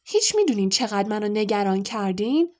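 A woman voicing a stout witch mother who scolds her sons in a loud, high, shrill voice. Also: animated, vocal fry, exaggerated voice. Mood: angry scolding. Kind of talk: audiobook character voice.

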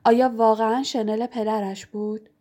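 A woman's voice: little pitch movement, warm tone. A woman reading a children's novel aloud, raising her voice for the characters' lines. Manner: raises her pitch for quoted characters. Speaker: narrator.

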